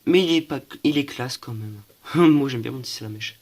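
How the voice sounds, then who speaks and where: A man's voice: medium pitch, normal speed. A young man from France showing his collection in a casual show-and-tell, hesitant, with many fillers and self-corrections, and stuffy from allergies. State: stuffy, coughing.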